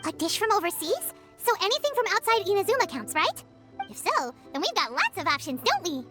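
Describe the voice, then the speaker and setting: Paimon, a squeaky tiny fairy sidekick. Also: female voice, very animated, fairly quick, loud music behind the voice. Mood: excited. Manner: speaks of herself in third person, exclaiming. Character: tiny chirpy female fairy companion, childlike and excitable. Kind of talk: video game voice acting.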